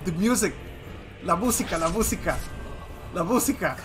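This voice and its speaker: A game streamer giving excitable live commentary, switching between Spanish and English. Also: mid-range voice, moderate pace, over music. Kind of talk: live bilingual gameplay commentary.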